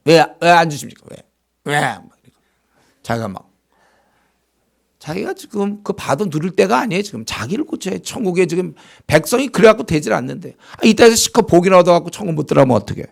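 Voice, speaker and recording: A man's voice: sits high, big pitch swings, fast talker, creaky. A man preaching a sermon as pastor, in a conversational style that acts out complaining believers in a raised voice.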